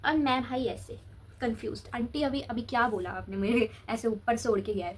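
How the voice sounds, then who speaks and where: A teenage girl chats through a long school story while she applies a face pack. She talks casually to her viewers in a slightly high voice. A faint background noise runs under the recording. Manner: chatty, says "bhai" often, talks while applying a face pack. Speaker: vlogger.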